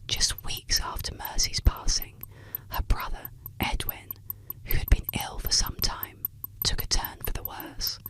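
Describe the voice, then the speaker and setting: A woman narrating eerie tales as ASMR, in a soft unvoiced whisper close to the ear. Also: unhurried. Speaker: ASMR storyteller. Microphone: close ASMR microphone.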